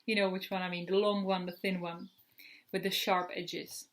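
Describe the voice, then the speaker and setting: A woman's voice: fairly low pitch, level tone, moderate pace, slight background noise. A woman in her thirties, originally from the Republic, chatting casually in a perfume review vlog, rambling with many fillers and restarts. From Czech Republic. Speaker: perfume vlogger.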